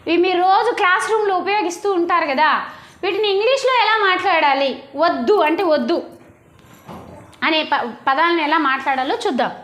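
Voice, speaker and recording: Woman, schoolteacher, very high voice, coaxing prompts, echoey classroom, faint hiss. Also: brisk, a bit bright. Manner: coaxing, repeats prompts to children. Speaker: primary school teacher. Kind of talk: classroom lesson.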